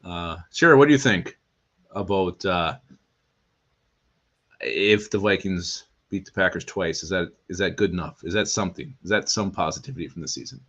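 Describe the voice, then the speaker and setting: A man co-hosts a live sports chat, teasing his partner and reading out viewer comments. His voice sits low but sounds forceful. The audio is dull and lo-fi. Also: moderate pace, husky. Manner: teasing, laughs often, reads viewer comments. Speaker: sports podcast co-host.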